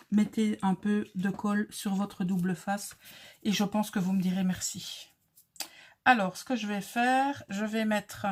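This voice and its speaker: A woman's voice: mid-range voice, darkish tone. A woman with a light accent hosting a casual crafting tutorial, chatty and friendly as she talks viewers through each step.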